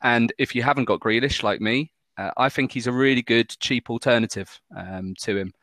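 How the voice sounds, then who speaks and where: A man's voice: mid-range voice, normal speed, fairly bright tone, dry recording. A man with a Maltese accent chatting casually as a panellist on a football podcast. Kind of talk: casual fantasy football chat.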